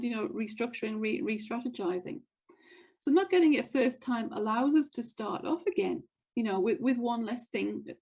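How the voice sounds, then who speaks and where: A woman from the United States hosts a motivational wealth podcast as a wealth coach, delivering a monologue in an earnest, encouraging way and repeating her key phrases. Her voice is mid-range and warm, though the recording is rough.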